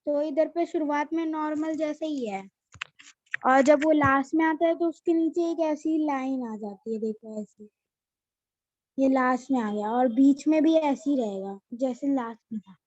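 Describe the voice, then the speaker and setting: A woman's voice: high-pitched, normal speed, a little mellow, no room sound, lo-fi sound. A woman teaching a children's alphabet lesson, patiently repeating each letter name as she explains.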